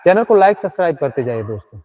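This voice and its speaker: A man's voice: on the high side, big pitch swings, racing, phone-quality sound, a little hiss or hum. A man hosting a comedy live stream outdoors at night, teasing and chatting with a ghost he claims stands in front of him. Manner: teasing, talks directly to an unseen ghost.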